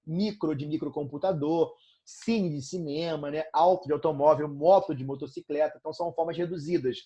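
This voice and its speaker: A man with a Brazilian Portuguese accent teaching a live online grammar review, energetic and checking in constantly with his students. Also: fairly high pitch, dull audio.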